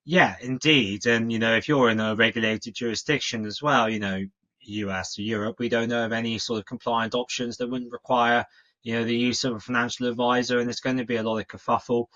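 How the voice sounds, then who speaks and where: A British man with a cold explaining things as an expert guest, in a halting, informal conversational way. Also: mid-range voice, fairly even intonation, fairly bright tone, dull audio. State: has a cold. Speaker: senior financial adviser, interview guest.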